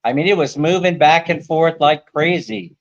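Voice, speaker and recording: Male streamer host, chatty joker, slightly high voice, lo-fi audio. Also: steady tone, moderate pace, vocal fry. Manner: chatty, jokey, laughs often. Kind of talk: casual chat.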